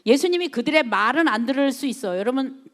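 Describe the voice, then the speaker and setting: High-voiced woman preaching with call-and-response. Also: lively intonation, fast talker. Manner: call-and-response, repeatedly asking the congregation for amen; acts out inner self-talk in quoted lines. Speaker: missionary preacher. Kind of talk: evening worship sermon.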